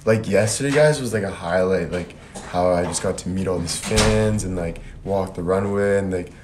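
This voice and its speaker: A young man with a low-sitting voice chats in a laid-back, slangy way on a livestream, talking at normal speed. He holds his phone at arm's length indoors near a window, and background noise comes through the phone audio.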